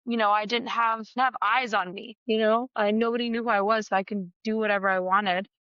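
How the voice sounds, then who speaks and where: A woman's voice: medium pitch, fairly even intonation, brisk, no room sound, lo-fi sound. A young woman from Argentina, a guest musician telling her story in a chatty, playful way over a video call. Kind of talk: casual interview chat.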